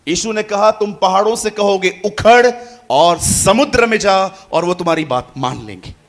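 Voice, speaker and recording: Male pastor, high voice, animated sermon, soft asides then loud calls. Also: moderate pace. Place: church hall with congregation.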